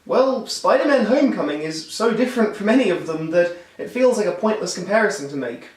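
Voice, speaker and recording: A man with a high, hoarse voice that is giving out delivers a scripted video film review that is wry and upbeat. He is expressive and a bit fast, sounding distant from the mic in a room with noticeable echo.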